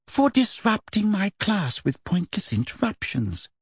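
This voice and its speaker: A cold, sweetly menacing middle-aged teacher, voiced by a male narrator speaks slowly and softly in a raised, husky voice. Every word is deliberate and quietly condescending. The recording is dry and close. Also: high-pitched, huge pitch swings, no echo, voice pushed up, heavily acted. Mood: smug. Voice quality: soft, deliberate, half-whispered.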